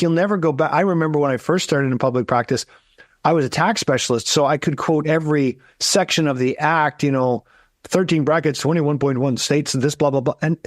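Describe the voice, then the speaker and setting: A man's voice: on the high side, no echo, clean studio sound. A man hosting an interview podcast as an accountant, talking with energy and enthusiasm, often restarting his sentences. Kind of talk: casual conversational interview.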